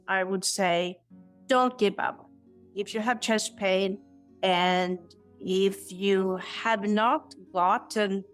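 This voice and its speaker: A middle-aged woman talks like a caring cardiologist in an interview. Her pitch sits in a middling range. She is reassuring, chuckles often and doubles her words as she thinks. Faint music plays underneath. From Sweden. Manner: warm, reassuring, laughs often, repeats words. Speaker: cardiologist guest. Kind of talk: conversational interview.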